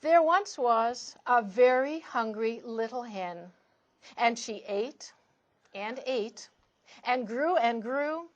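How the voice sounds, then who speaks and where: A woman reading a picture book aloud to children in an expressive storytelling manner. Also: a little high, takes it slowly. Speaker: storytime reader.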